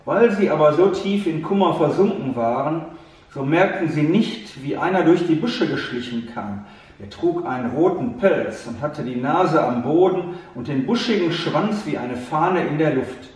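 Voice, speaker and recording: A man gently telling a fairy tale to a child, speaking to the listener directly, heard from a distant mic in an echoey room. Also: fairly high pitch, expressive, moderate pace. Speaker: storyteller.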